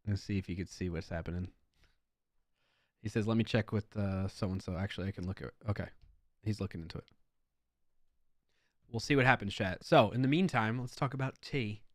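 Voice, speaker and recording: A man's voice: fairly low pitch, brisk, long pauses, dry recording, clean studio sound. A man hosting a live coding stream, chatting casually with viewers and rambling between tasks. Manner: chatty, talks to chat, rambling asides. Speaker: livestream host.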